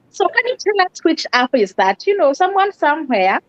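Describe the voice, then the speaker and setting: A woman's voice: very high voice, dry recording, lo-fi sound. A woman hosting an interview, enthusiastic with frequent wows. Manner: enthusiastic, many wows and laughs. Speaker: interview host.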